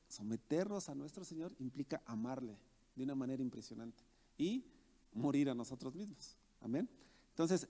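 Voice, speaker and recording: A man's voice: fairly high pitch, mellow. A man preaching a sermon to his congregation, calling them brothers and acting out boastful believers. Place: church hall. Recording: long hall reverb.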